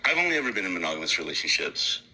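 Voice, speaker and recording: A man's voice: deep voice, sing-song, racing, vocal fry, over a noisy crowd, poor audio. A man, an interview guest, speaking candidly and with some self-deprecating humor.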